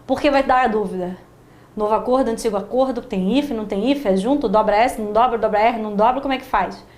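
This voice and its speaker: High-voiced Brazilian woman teaching, roomy echo. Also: quick pace. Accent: Brazilian Portuguese. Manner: lively, acts out students' questions in mocking voices. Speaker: writing teacher. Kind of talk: classroom lecture.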